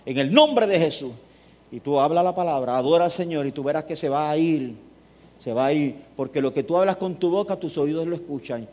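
A man preaching a sermon in a church, his high-pitched voice rising and falling between soft and loud. His words trail off into a long hall reverb. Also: brisk. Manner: animated storytelling, swinging from hushed to loud. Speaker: pastor. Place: church sanctuary.

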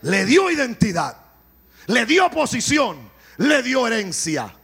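A Puerto Rican man preaching a sermon, animated, swelling to shouts and dropping into joking asides. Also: very high voice, takes it slowly, gravelly, breathy edge. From Puerto Rico.

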